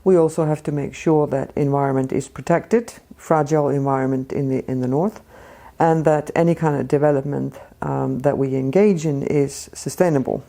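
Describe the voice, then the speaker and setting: A woman in her fifties with an Icelandic accent, speaking as an interview guest in a measured way, with frequent ums and restarts. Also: a bass voice, steady tone, creaky, mellow. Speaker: guest, Arctic policy expert. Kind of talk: casual interview talk.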